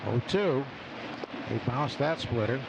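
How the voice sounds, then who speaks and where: In a noisy outdoor ballpark broadcast with loud stadium ambience, a man calls live baseball play-by-play on radio from an open booth. He speaks slowly and expressively in a medium pitch, with vocal fry.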